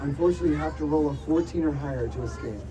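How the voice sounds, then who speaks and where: A man hosting a live tabletop role-playing show as game master, narrating theatrically with dramatic, drawn-out suspense. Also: on the high side. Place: outdoor stage at a Renaissance fair. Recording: distant mic, loud crowd and noise.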